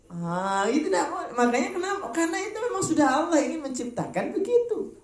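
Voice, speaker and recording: Lively jokey Javanese preacher man. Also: very high voice, quick pace, echoey room. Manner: jokey, acts out little dialogues, laughs often. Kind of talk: relaxed Quran study talk to an elderly group. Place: outdoor park gathering.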